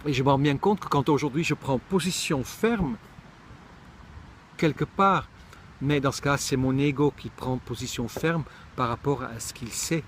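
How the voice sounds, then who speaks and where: A man's voice: mid-range voice, measured pace, a little hiss or hum. A middle-aged man from Israel giving a reflective monologue, thoughtful and searching for words, often restarting his sentences. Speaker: speaker sharing personal reflections.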